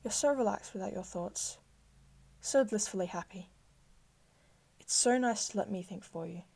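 A woman slowly guiding a listener into trance with soft, soothing, repetitive phrasing, sometimes dropping to a breathy whisper. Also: mid-range voice. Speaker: hypnosis guide. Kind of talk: slow guided hypnosis script.

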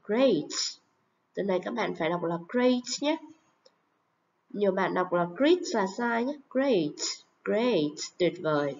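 A woman teaching English pronunciation, saying model words and example sentences slowly and carefully. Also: fairly low pitch, vocal fry, darkish tone. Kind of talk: pronunciation lesson. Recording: dull lo-fi recording.

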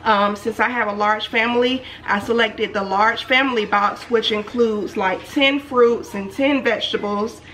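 A woman's voice: fairly high pitch, fairly even intonation, measured pace, hardly any pauses, fairly bright tone, a little hiss or hum, low-quality recording. Chatty woman vlogger saying y'all. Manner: chatty, says "y'all", frequent ums. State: a little out of breath. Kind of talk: casual vlog haul. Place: at home, in and out of doors.

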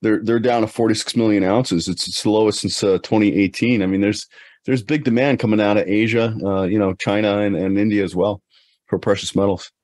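A man's voice: on the low side, steady tone, a little fast, a little mellow, no echo. A man co-hosting a finance podcast, chatting casually with many fillers and restarts. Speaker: podcast co-host.

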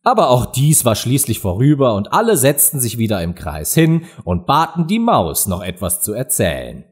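A man reading a children's classic aloud as an audiobook, expressive and lively. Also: medium pitch, moderate pace, slightly rough. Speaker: audiobook reader. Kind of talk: storybook narration.

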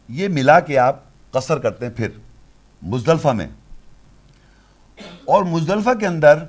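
A man giving a religious lecture, explaining the steps one by one and checking with rhetorical questions whether his listeners follow. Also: mid-range voice. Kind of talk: lecture walking through the steps of Hajj.

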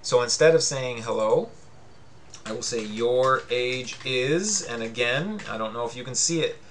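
A man's voice: medium pitch, a little fast, slight background noise. A male teacher talking through a coding screencast, patient and explanatory, reading out on-screen prompts as he goes.

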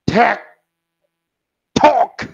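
A man teaching an English class, teasing his students and spelling words out letter by letter. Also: extremely slow. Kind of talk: classroom lesson. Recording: dull lo-fi classroom recording.

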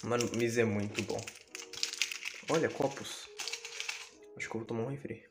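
In a relaxed vlog shot on a handheld phone, a young Brazilian man tours his kitchen and bedroom to lo-fi music, speaking at normal speed in a steady tone. He jokes around and mocks himself for his viewers, swinging between low mutters and sudden shouts.

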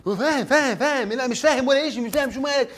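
A man's voice: very high-pitched, very fast, fairly bright tone. A man voicing a boastful, silly young male puppet who rambles cockily and mimics dialects. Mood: indignant.

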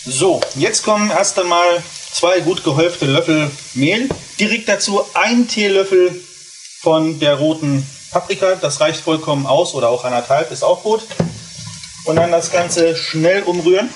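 Male cooking vlogger, a bit higher pitched, casual and talkative, pan sizzling behind. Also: measured pace, background noise. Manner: chatty, explains steps while cooking. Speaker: cooking channel host. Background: food sizzling in a pan.

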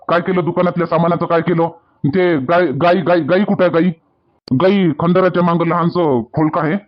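A man with a Varhadi accent acting in a rustic village comedy sketch, talking emphatically and repeating himself. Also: fairly high pitch. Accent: Varhadi Marathi. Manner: emphatic and repetitive, pleading. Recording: dull lo-fi sound.

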